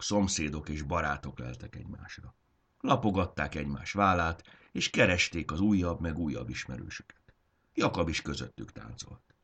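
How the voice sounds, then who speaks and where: Deep gravelly male audiobook narrator. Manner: dramatic, expressive reading.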